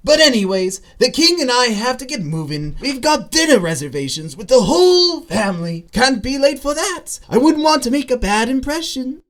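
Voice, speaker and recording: A man's voice: very high voice, very animated, moderate pace, hardly any pauses, fairly bright tone, heavily acted. A man playing a manic, theatrical clown villain in a radio drama, mocking and swinging from sing-song to menace. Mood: playful.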